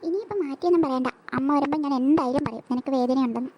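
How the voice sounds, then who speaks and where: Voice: high voice, racing, muffled recording, a little hiss or hum. A voice actor doing a bossy cartoon big sister. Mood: teasing. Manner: bossy and mocking, scolds and teases. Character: bossy teasing older sister girl.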